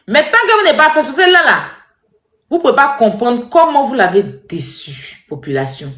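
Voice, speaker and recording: A woman giving animated, scolding commentary straight to her viewers. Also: high voice, moderate pace. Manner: animated, scolding, repetitive, addresses viewers directly. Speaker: social media commentator. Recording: echoey room.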